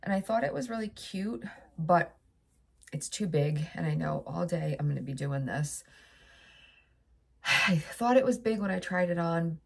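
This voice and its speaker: A low-voiced woman with a gravelly edge chats to camera as host of her own channel. Her nose is stuffy and sniffly, and she talks in an upbeat, rambling way, full of fillers. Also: animated, a little slow, long pauses. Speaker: vlog host. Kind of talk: casual chat to camera.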